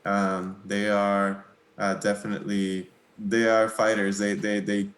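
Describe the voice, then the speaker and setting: Appearing as an interview guest, this young Mexican guitarist, whose first language is Spanish, replies easily but hesitantly, with many pauses and little laughs. His voice sits fairly low, and the room he's in echoes.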